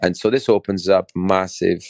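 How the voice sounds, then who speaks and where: A middle-aged man from Barbados, a podcast guest explaining his work in fluent, measured sentences. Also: deep voice, fairly even intonation, darkish tone, no echo. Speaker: guest, crypto co-founder. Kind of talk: podcast interview.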